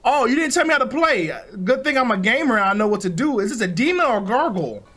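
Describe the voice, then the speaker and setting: A man's voice: very high voice, very animated, fast talker, fairly bright tone. A young man giving joking, slangy commentary on a horror game he is playing. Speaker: gaming YouTuber. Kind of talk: let's play commentary.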